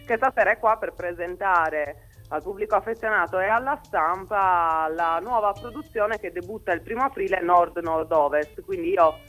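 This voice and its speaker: A woman calling in from a theatre on speakerphone, her voice echoing as if in a cathedral, briskly introducing others. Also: lowish voice, expressive, a bit bright, soft background music. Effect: echoey speakerphone line, like a cathedral. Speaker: theatre press contact on the phone. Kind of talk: casual radio phone-in. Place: theatre hall. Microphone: phone on speakerphone.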